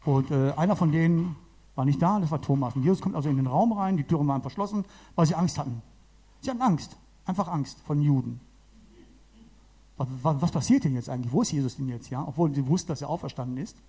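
Emphatic German-speaking preacher, mellow voice. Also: male voice, fairly high pitch, fast, husky. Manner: lively, emphatic, repeats phrases. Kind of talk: sermon to a congregation. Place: church hall with about forty people.

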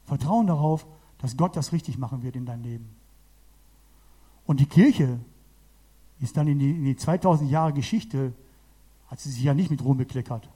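Emphatic German-speaking preacher, mellow voice. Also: male voice, medium pitch, moderate pace, pauses often, breathy edge. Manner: lively, emphatic, repeats phrases. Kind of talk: sermon to a congregation. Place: church hall with about forty people.

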